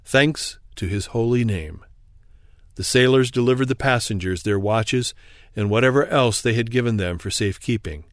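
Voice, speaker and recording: A man calmly reading an old first-person sea memoir aloud in a measured, formal manner. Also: mid-range voice, dry recording, clean studio sound. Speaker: audiobook reader. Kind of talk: scripted narration of a memoir.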